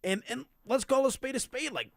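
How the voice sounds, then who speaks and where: A man hosting a sports talk radio show, debating with animated asides and throwing to a break. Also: very high voice, brisk, gravelly, no echo, clean studio sound. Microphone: studio microphone.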